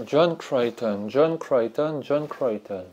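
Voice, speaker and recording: A woman's voice: extremely low pitch, expressive, takes it slowly, dark tone, muffled recording. A woman hosting her video channel, chatting playfully with many hesitations. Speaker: YouTuber. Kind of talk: casual chat.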